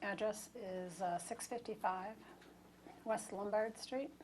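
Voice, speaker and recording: A woman testifying as a nurse expert witness, answering in a halting, matter-of-fact way. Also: mid-range voice, a little mellow. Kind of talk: deposition testimony. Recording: faint room noise.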